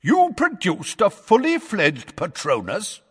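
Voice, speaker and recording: A man doing a booming older woman judge. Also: wildly swooping pitch, unhurried, husky, long reverb tail, full character voice. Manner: booming, brusque.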